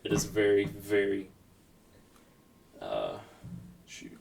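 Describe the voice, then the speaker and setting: Low-voiced man rambling, heard from a distance. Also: sing-song, takes it slowly, vocal fry, a little mellow. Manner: enthusiastic, rambling, searches for words. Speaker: podcast guest. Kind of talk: casual chat. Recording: distant mic, faint background noise.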